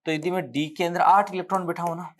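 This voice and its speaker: A man's voice: sits high, fairly even intonation, quick pace. A man with a Rajasthani accent teaching an exam-prep chemistry lecture, explaining step by step, counting aloud and correcting himself as he writes on the board.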